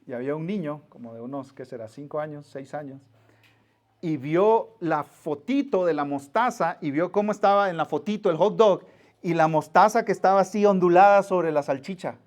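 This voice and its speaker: A middle-aged man preaching, his voice sitting a little high for a man. He tells stories vividly, acting out the people in them. Then he drops to a near-whisper to press a point home. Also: normal speed. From Mexico. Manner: animated storyteller, acts out voices, drops to near-whisper for emphasis. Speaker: pastor. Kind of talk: sermon.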